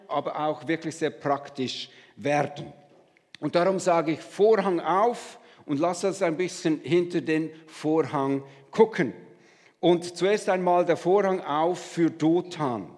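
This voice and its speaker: A man's voice: a little high, a little mellow, big-room sound. A man preaching a sermon as pastor, speaking in an earnest, conversational way and addressing listeners directly.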